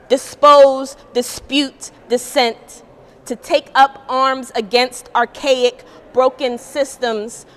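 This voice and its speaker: A woman performing her poetry live at a gallery, her voice set a little high. She recites slowly and deliberately, letting each phrase land on its own. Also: fairly bright tone. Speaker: poet. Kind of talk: spoken-word poetry performance. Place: art gallery event, indoors.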